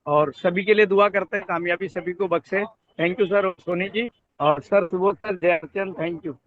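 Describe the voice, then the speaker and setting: A man's voice: high-pitched, fairly even intonation, unhurried. A senior team leader, a man, giving brief, gracious and thankful remarks over a call. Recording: tinny phone-like call line.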